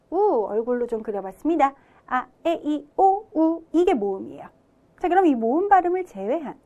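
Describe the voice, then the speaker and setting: A woman's voice: sits high, a little mellow, lo-fi sound. A woman teaching an English grammar lesson, explaining step by step and asking questions that she then answers herself. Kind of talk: classroom grammar lecture.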